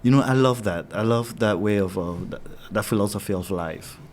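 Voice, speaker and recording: A man's voice: fairly low pitch, brisk, slight background noise. A man hosting an interview, talking in an encouraging, affirming way to his guest. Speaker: interview host. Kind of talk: interview conversation.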